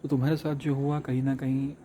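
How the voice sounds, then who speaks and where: A young man telling a reflective personal story, halting and restarting often, switching between Hindi and English. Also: medium pitch, level tone, dark tone, slight background noise.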